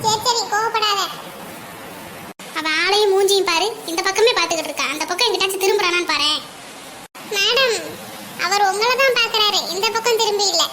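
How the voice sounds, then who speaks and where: A cheeky young cartoon college girl teases her friend, voiced by a performer in a very high, squeaky voice. Background hiss sits under the track. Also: a little fast, pauses often, bright, forceful tone. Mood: teasing. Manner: teasing, playful. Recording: audible background noise.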